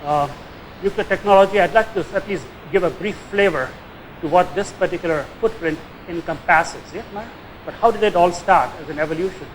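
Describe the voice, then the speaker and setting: A man's voice: high-pitched, fairly quick, slight background noise, low-quality recording. An older man from India with a Tamil accent gives an informal lecture, conversationally tagging his phrases with "eh?" or "yeah?". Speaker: guest lecturer, nuclear engineering professor.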